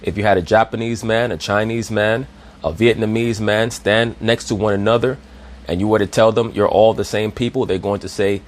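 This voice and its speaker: A man's voice: lowish voice, steady tone, moderate pace. A man giving a preachy commentary monologue, addressing listeners as brothers and asking rhetorical questions. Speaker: online commentator.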